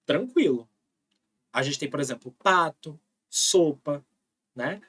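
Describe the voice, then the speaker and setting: A man's voice: fairly high pitch, animated, takes it slowly, a bit bright. A man giving an online phonology lesson, explaining patiently and often checking in with "tá?". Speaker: linguistics teacher.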